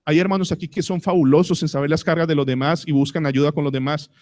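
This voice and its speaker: A man with a Colombian accent, a pastor preaching a sermon at a church service, asking the congregation questions and slowing down to stress words. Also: on the high side, steady tone, darkish tone. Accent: Colombian Spanish.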